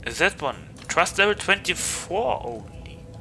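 A man's voice: high voice, big pitch swings, takes it slowly, vocal fry, pushed and bright, soft background music. A man with a German accent streaming a game, chatting playfully and getting flustered easily. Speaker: VTuber streamer. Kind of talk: casual gaming stream chat.

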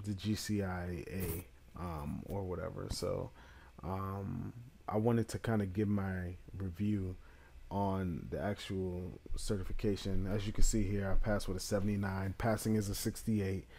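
A young man talking casually to camera, giving his review of a certification exam, relaxed and chatty with many fillers. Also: deep voice, moderate pace, creaky.

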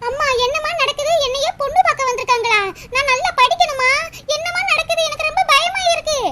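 A woman's voice: extremely high pitch, quick pace, sharp tone, slight background noise, voice pushed up. A woman voicing a timid young college girl in a cartoon, speaking in a nervous, childlike way.

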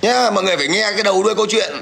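A man's voice: high voice, rapid-fire, sharp tone. A man ranting aggressively on a livestream, taunting and coarse as he addresses viewers and an absent rival. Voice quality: gravelly. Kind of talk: livestream rant.

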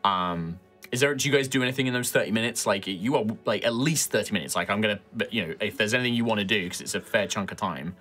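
A man's voice: lowish voice, fast, pushed and bright, faint music behind. A man improvising narration as game master of a tabletop game, addressing the players conversationally.

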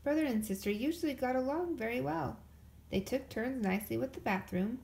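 A woman reading a children's picture book aloud, gentle and unhurried, drawing out her questions like a storyteller. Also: sits high, creaky, slight background noise, low-quality recording. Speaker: storybook reader.

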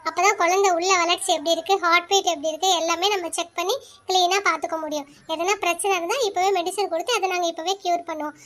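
A performer voicing a brisk female doctor in a cartoon, firm and instructive, repeating the rules. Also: very high-pitched, fairly even intonation, sharp tone. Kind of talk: cartoon voice acting.

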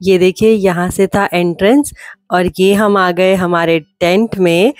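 A woman's voice: lowish voice, fairly even intonation, a little slow, no echo. A young woman in her twenties chatting upbeat in a travel vlog, filming herself outdoors at a hillside campsite on a handheld phone. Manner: chatty, upbeat, mixing English words into Hindi. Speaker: vlogger. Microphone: phone held at arm's length.

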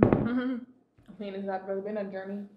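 A woman's voice: medium pitch, unhurried, narrow, tinny audio, very noisy. A young woman co-hosting a vlog, chatting casually and humming between bites of food. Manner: relaxed, chatty, laughs easily, hums while chewing. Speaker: vlog co-host. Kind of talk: casual chat while eating. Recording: echoey room.

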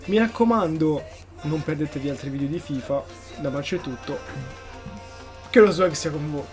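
A young man with a fairly high voice commentates his football video game match from home at night. He is excitable, repeats his phrases and breaks into shouts at every goal, with faint music playing underneath. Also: moderate pace. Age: young, still in school. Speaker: gaming YouTuber.

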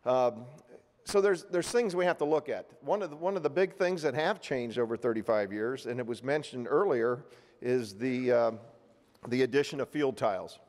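A man's voice: mid-range voice, lively intonation, normal speed, darkish tone. Middle-aged man moderating in a reverberant hall. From Ohio. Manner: plain-spoken, many fillers and restarts. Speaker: panel moderator. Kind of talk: public panel remarks. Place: large hotel ballroom meeting. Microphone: podium microphone. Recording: long reverb of a big hall.

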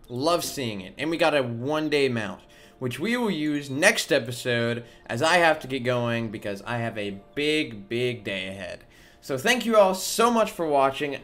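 A man's voice: medium pitch, expressive, normal speed, fairly bright tone. A young man doing casual, playful gameplay commentary, talking to himself as he plays. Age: young adult. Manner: playful self-talk, reacting to game. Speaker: gaming YouTuber. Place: indoor room at home, on webcam.

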